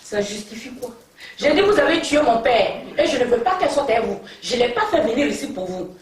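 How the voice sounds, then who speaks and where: An actress playing a hotheaded big sister who scolds and mocks. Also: female voice, a little high, big pitch swings, brisk. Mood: scolding. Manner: quarrelsome, scolding, mocking. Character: hotheaded Bété big sister, proud and stubborn. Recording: roomy and distant, faint hiss.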